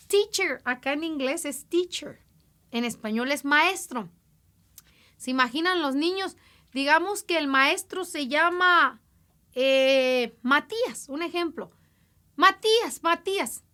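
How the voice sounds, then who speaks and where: A woman with a high, bright, sharp-edged voice leads an informal Bible lesson. She talks to her listeners directly and often asks them rhetorical questions. She slows right down to stretch out the words she wants to stress. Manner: draws out words slowly for emphasis. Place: lives in an English-speaking country.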